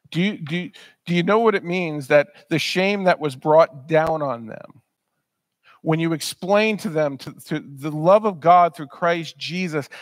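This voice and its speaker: This sermon comes from a man in his thirties at a church pulpit, his voice a little high and captured with studio quality and no echo. He preaches with earnest emphasis, frequently repeating words to push his message.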